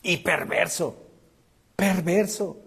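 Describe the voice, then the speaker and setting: A man preaching a sermon as pastor, asking the congregation rhetorical questions and swinging between loud and hushed delivery. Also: sits high, fairly even intonation, slow, vocal fry, slightly rough.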